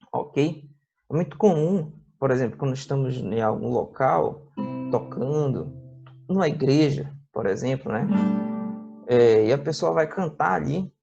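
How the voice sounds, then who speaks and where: Gravelly Brazilian male music teacher. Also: on the high side, dark tone. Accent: Brazilian Portuguese. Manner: explains slowly with many tag questions, plays guitar and sings examples. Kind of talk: classroom video lesson. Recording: dull lo-fi recording with faint guitar.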